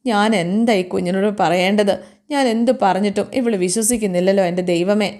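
A woman's voice: mid-range voice, fairly even intonation, brisk, a little mellow, close to an everyday voice. Worried grandmother, read by a woman, coaxing, reassuring, storytelling retelling. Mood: distressed. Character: worried grandmother soothing a child.

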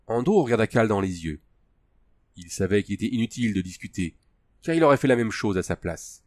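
A man narrates a novel for an audiobook. His voice sits low and he reads in an even, unhurried way. The recording is close and dry, with no room sound. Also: no room sound.

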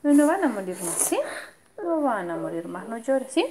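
A woman's voice: a little high, sing-song, normal speed. A woman with an Argentine Spanish accent speaking tenderly and soothingly as a mother to her young child in casual home conversation, using endearments. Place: indoors in a home room. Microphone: handheld phone, close by. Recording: noisy handheld phone video.

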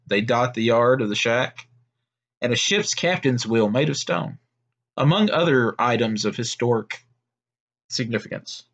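Man, storyteller, medium-pitched voice, unhurried, homemade tale. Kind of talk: told story narration.

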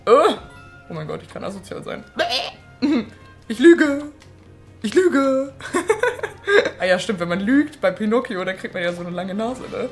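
A young woman hosting a let's play, chatting excitably with frequent swearing and sudden shrieks. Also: medium pitch, brisk. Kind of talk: casual gameplay commentary. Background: faint game music.

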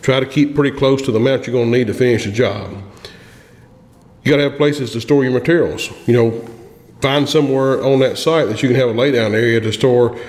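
A construction industry veteran appears as a guest on a podcast, offering practical advice in a plain-spoken way with frequent restarts. His mid-range voice is steady and darkish, and he talks a little fast. He's recorded on a boom-arm studio mic at a table in a small indoor room with long, echoey reverb.

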